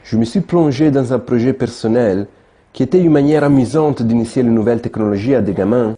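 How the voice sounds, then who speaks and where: A man narrating his own documentary in a measured, reflective voice-over. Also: medium pitch, dark tone, slight background noise. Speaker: filmmaker narrating his project.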